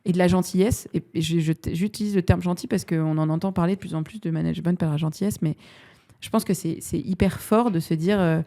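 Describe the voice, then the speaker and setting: A woman's voice: on the low side, fairly even intonation, brisk, warm tone. A woman in her thirties, an HR director guest on a podcast, talking reflectively and searching for her words. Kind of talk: casual podcast interview.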